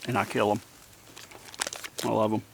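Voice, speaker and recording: A man chatting casually to his viewers at a woodland campsite, relaxed and talkative as he sets up and snacks. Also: on the low side, moderate pace, creaky, background noise. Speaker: outdoor vlogger. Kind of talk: casual camping vlog chat. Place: outdoors in the woods at a campsite.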